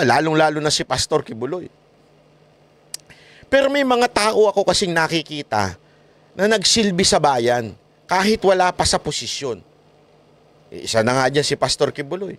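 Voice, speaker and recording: A man giving casual political commentary as a vlogger, animated and mocking, laughing often between points. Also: high-pitched, normal speed, pauses often.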